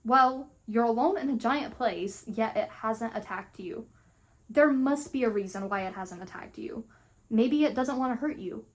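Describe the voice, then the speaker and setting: A worried mother who keeps her voice calm and reassuring, a fairly high voice in an even tone, as a woman reads her lines aloud. She talks steadily to keep her daughter from panicking. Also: normal speed, close to an everyday voice.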